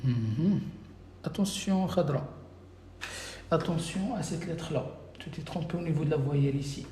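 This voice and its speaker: This Arabic teacher's voice sits on the high side with a dark tone, moving at a normal pace as he patiently reads and corrects viewers' names one after another in a live-stream lesson. Captured on a phone, the audio has an echoey room and faint background noise.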